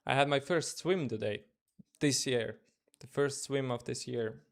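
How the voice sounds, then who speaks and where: He talks a little slowly at medium pitch, an Estonian native with a matching accent. Live-streaming trades from his room, he chats casually in loose English, reasoning out loud and responding to viewers in chat.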